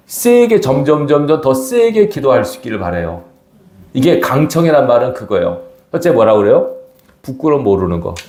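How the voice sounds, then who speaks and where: A man's voice: mid-range voice, a little mellow. A middle-aged man preaching a sermon as pastor, questioning the congregation as he goes. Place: church sanctuary. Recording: echoey church hall.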